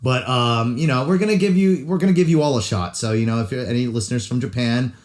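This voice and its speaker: A man's voice: mid-range voice, quick pace, a little mellow. A young man from California co-hosts a podcast in a loose, easygoing chat. He jokes around and fills his talk with "like" and "you know". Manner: loose, jokey, full of fillers. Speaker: podcast co-host. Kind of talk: casual chat.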